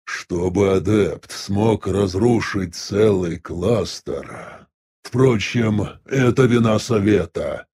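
A man voicing a husky, weary old sect elder. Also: fairly low pitch, slow, darkish tone. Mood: weary musing. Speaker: audiobook voice actor. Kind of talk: audiobook dialogue reading.

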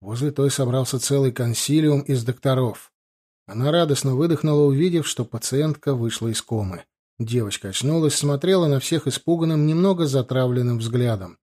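A man narrating a story as an audiobook in a steady, even manner. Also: medium pitch, moderate pace.

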